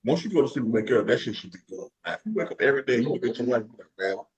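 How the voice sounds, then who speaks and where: A man's voice: medium pitch, lively intonation, racing, husky, dull audio. A blunt man who swears freely in casual banter as a co-host. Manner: profane, blunt.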